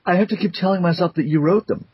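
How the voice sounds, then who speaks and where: A young man with a fairly high, husky voice talks in an animated, rambling way. He speaks from his desk into a dry, lo-fi recording. The sound is dull, with no room echo. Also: fast. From America. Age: young adult. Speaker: voice actor, interviewee. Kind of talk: casual interview chat.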